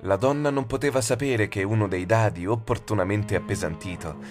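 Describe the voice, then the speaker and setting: A man narrating a horror story as an audiobook, in a measured, suspenseful way. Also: on the low side, over music. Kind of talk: scripted dramatic narration.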